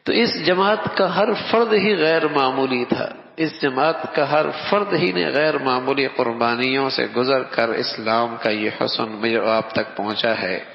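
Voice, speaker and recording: A man preaching a sermon, emphatic and repeating key phrases, reciting Arabic quotations slowly, in a dull lo-fi recording from a large hall. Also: medium pitch, vocal fry. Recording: echoey hall, dull lo-fi sound.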